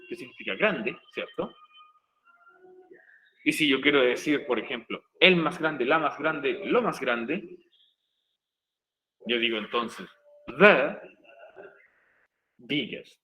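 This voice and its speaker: A man's voice: a little high, dull audio, slight background noise. A male English teacher, patiently explaining grammar step by step in a recorded online class. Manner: patient, repeats and spells out each step.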